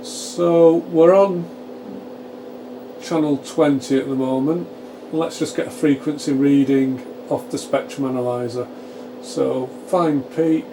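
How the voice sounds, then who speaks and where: This medium-pitched man hosts a radio repair channel and is filmed in a small home electronics workshop, explaining step by step and thinking aloud as he works through an informal technical demo. A constant hum from the cooling fans of his test equipment runs under his narration.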